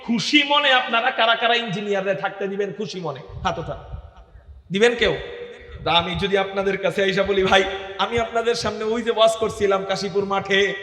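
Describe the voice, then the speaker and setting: A high, bright-voiced man with a Bangladeshi Bengali accent delivers a fiery waz sermon, shouting rhetorical questions at his crowd and breaking into sung Arabic verses. His voice carries a tense, piercing edge. It rings through a PA with a long, roomy reverb. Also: steady tone, a little fast. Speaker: Islamic preacher. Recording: echoey PA sound with long reverb.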